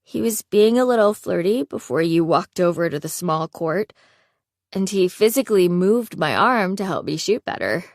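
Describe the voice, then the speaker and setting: Woman doing an eager geeky girl, flustered, lowish voice, dry sound. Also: animated, moderate pace, no room sound. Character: earnest, geeky young woman with a crush.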